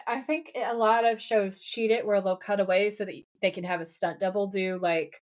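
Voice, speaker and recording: Woman podcast cohost, rambly and excited, middle pitch. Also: normal speed. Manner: chatty and enthusiastic, many fillers. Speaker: podcast co-host. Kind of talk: casual chat.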